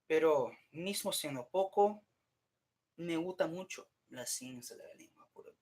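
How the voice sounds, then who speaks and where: A man's voice: mid-range voice, breathy edge. A man in a casual, rambling monologue, often swearing, restarting his sentences and switching between English and Spanish. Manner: profane, rambling, restarts and self-interrupts. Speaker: streamer talking to himself.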